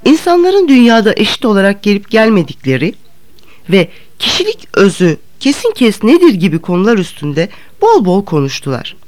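Woman, audiobook narrator, literary narration, mid-pitched, very expressive melody. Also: normal speed.

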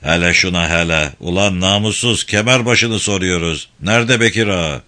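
A man's voice: deep voice, normal speed, sharp tone, pitched below the performer's own voice. A man voicing a coarse, threatening young male senior student who barks and scolds in an audiobook. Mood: bullying. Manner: gruff, barking and scolding. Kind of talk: audiobook character voice.

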